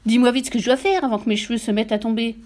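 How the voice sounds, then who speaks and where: A woman reading an audiobook aloud and voicing a loud, vain, dim-witted father who bellows and blusters. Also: a little high, steady tone, racing, close to an everyday voice. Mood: panicked.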